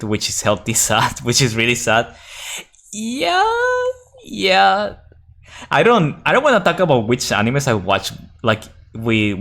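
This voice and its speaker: A man's voice: mid-range voice, a bit bright. A young man streaming a game, chatting casually with viewers and reading the game's text aloud, rambling and restarting his sentences and swearing now and then.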